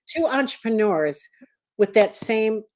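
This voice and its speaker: A woman's voice: on the high side, expressive, takes it slowly, darkish tone, a little hiss or hum. A woman hosting a podcast over a video call, chatty and encouraging toward her guest. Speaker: podcast host. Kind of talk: conversational interview hosting.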